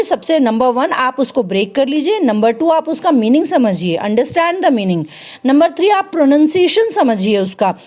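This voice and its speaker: A woman teaching how to learn verses, explaining step by step and slowly repeating words. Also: high-pitched, a little mellow. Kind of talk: instructional talk.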